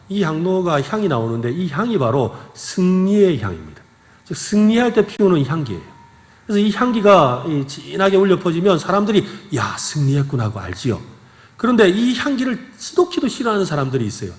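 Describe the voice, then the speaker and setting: A male pastor with a Gyeongsang accent, preaching a sermon and telling stories in an earnest way. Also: fairly high pitch. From Gyeongsang region, South Korea. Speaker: senior pastor. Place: church sanctuary. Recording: echoey church hall.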